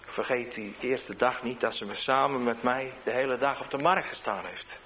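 A man, a street evangelist, tells a testimony in an animated storytelling way, swinging between loud bursts and hushed asides. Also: mid-range voice, normal speed, slight background noise, rough recording.

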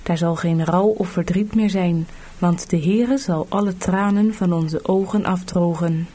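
A woman's voice: on the low side, fairly even intonation, unhurried, mellow. A woman voicing a weary, burdened male pilgrim in a storybook audiobook, earnest and plain.

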